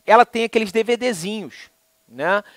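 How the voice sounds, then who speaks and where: A man with a Brazilian Portuguese accent teaching a law lesson in a lively, colloquial way, full of anecdotes and acted-out dialogue. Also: normal speed, dry recording. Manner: lively, colloquial, acts out dialogue with swings in pitch. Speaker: law lecturer.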